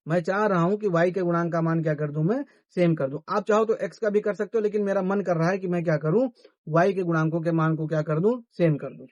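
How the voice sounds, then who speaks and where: Male math teacher, answers his own questions, pitched high. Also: fast, darkish tone, no echo, lo-fi sound. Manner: asks questions and answers them himself. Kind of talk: classroom-style math lesson.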